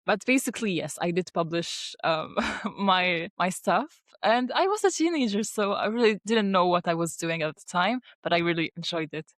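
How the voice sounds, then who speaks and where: Lowish, fairly bright, and animated at a normal pace, this is the voice of a young Arabic-speaking woman from Tunisia who studies dentistry and ghostwrites. Recorded dry in the studio, she chats casually as an interview guest, laughing a lot and restarting sentences around plenty of fillers.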